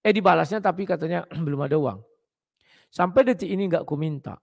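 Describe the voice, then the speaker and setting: A man giving blunt, casual preaching talk to his viewers, clearing his throat often. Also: on the high side, brisk.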